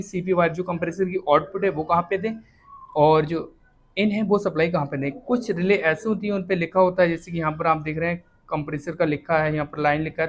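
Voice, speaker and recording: A man teaching a step-by-step repair, explaining each check plainly and often pausing to confirm with the viewer. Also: high voice. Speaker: repair instructor. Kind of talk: hands-on repair tutorial.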